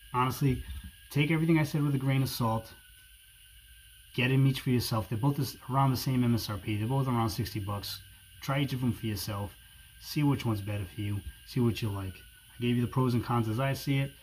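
A man's voice: mid-range voice, poor audio. A man with a New England accent giving a casual, informal, conversational product review to viewers as a video host. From New England, USA. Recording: steady background noise.

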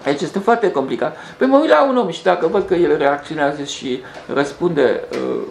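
A man with a gravelly, slightly high voice talks through a rambling spiritual monologue. He restarts and hesitates often. The room echoes, and a faint hum sits underneath. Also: animated. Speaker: host.

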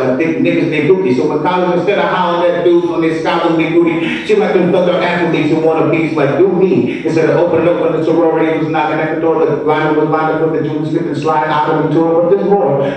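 A man's voice: on the high side, darkish tone. A young man performing a spoken word poem with a rhythmic, chanted refrain, heard over a video call from a stage in a large hall. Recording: far-off echoey lo-fi video call audio.

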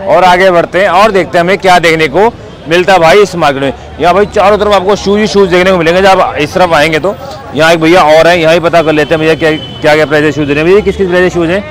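His voice on the high side and steady in tone, a fast-talking man vlogs through an outdoor street market. Upbeat and chatty, he asks sellers about prices, repeating "bhai" and "theek hai." Poor audio with crowd chatter and traffic behind.

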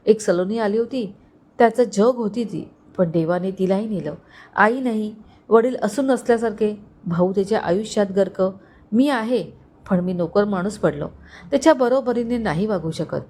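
A woman's voice: medium pitch, normal speed, a little mellow, close to an everyday voice. A woman voicing a kindly older male family servant who speaks tenderly and pleads with a fatherly tone. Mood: gentle.

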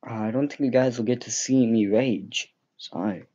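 A man's voice: mid-range voice, moderate pace, dark tone, highs cut off. A young man giving casual, joking gameplay commentary, rambling with many fillers and mocking himself. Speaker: gaming YouTuber.

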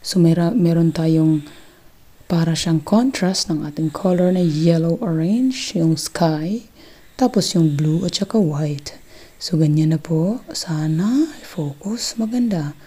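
Husky, mellow woman teaching crafts. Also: lowish voice, slow pace. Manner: playful, jokey asides, chatty teaching. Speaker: craft video host. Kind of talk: casual craft tutorial.

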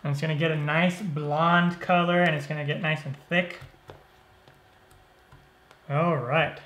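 A man's voice: a little high, measured pace. Easygoing man demonstrating a recipe. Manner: relaxed, easygoing step-by-step explaining. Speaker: cooking show host. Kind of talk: cooking demonstration. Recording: roomy echo.

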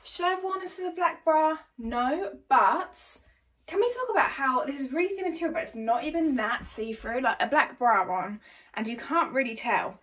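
A woman's voice: high-pitched, moderate pace, low-quality recording. Bubbly young English woman vlogging. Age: young adult. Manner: bubbly, chatty, energetic. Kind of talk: casual haul vlog. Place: bedroom under a ring light.

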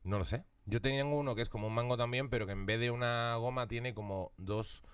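A man's voice: medium pitch, fairly even intonation, a little fast, clean tone, no room sound, distant mic. A man, a comedian co-hosting a podcast in casual, jokey chat, ranting and swearing freely.

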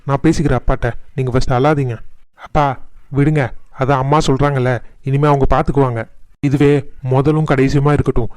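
A man voicing a calm, sensible elder son in a cartoon, speaking in a soothing, reasonable way. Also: medium pitch, clear, resonant tone, no echo, natural voice.

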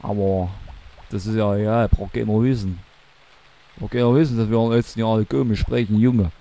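A man's voice: fairly low pitch, steady tone, moderate pace, warm tone. A young man from eastern Germany with a Mansfeld regional accent, chatting in a rambling, self-correcting way while commentating a game. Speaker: let's play commentator. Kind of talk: casual gaming commentary.

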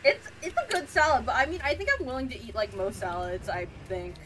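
A woman's voice: on the high side, brisk, slight background noise. A young woman chatting and laughing a lot while playing an online game with a friend. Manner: giggly and animated, bursts of laughter. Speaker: game streamer. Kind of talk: casual gameplay chat. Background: game music.

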